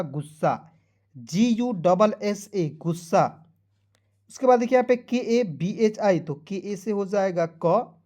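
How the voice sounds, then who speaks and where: A man teaching an online lesson, spelling letters out slowly, drilling each word and calling his listeners "friends" again and again. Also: high voice, darkish tone.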